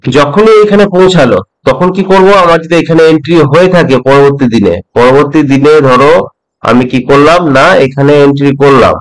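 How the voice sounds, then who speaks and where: A middle-aged man from West Bengal teaching a trading method, talking slowly and repeating points, often checking that the listener follows. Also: on the high side, rough recording. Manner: slow, repeats points, asks "ঠিক আছে?" often. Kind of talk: slow explanatory tutorial.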